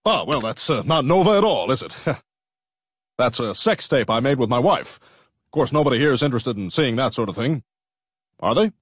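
Casting: an embarrassed cartoon teacher, lively up-and-down pitch, slightly husky, dry. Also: male voice, normal speed, pauses often, no room sound. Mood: awkward. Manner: awkward, fumbling, trailing questions. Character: awkward male schoolteacher.

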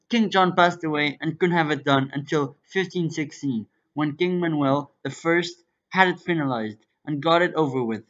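In Portuguese-accented English, a teenage student guides viewers through an amateur documentary he presents. He sounds a bit bright and slightly high for a male voice. The audio is lo-fi and dry, with almost no room in it.

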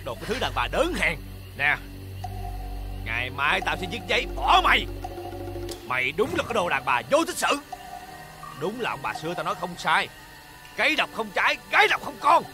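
An actor playing an arrogant, abusive eldest son in a TV drama, with a Southern Vietnamese accent and a harsh, bullying manner. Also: male voice, high-pitched, sing-song, moderate pace, pauses often. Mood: furious. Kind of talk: TV drama acting. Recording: music playing behind.

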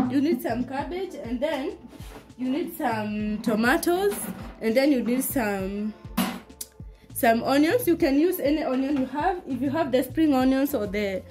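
A woman's voice: sits high, low-quality recording. A Kenyan woman with a Kenyan accent chatting casually to viewers as she cooks in her home kitchen, mixing in Swahili phrases. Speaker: cooking vlogger. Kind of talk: casual cooking demonstration. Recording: loud music under voice.

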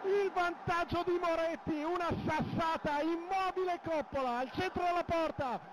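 A man giving excited, breathless football goal commentary, shouting emphatically in short repeated phrases. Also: very high-pitched, normal speed. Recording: loud stadium crowd noise behind broadcast commentary. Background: stadium crowd ambience.

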